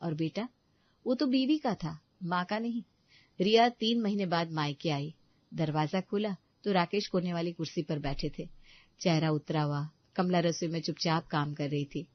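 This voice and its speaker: A woman narrating a family moral story in an even, measured way. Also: on the low side, no room sound, dull audio.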